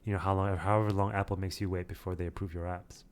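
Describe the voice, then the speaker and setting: Host, male, deep and fast, casual questions, steers the talk. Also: little pitch movement, darkish tone. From Australia. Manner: quick, asks questions, steers the conversation. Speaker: podcast co-host. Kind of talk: casual tech chat.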